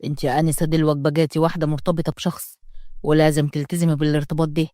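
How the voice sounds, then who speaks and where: A woman's voice: low voice, little pitch movement, very fast, warm tone, no room sound, clean studio sound, pitched below the performer's own voice, natural voice. A woman voicing a stern, proud young village mayor in an Upper Egyptian accent, speaking curtly in a story reading. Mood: cold. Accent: Upper Egyptian Arabic. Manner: curt and scolding. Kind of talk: storytelling read-aloud.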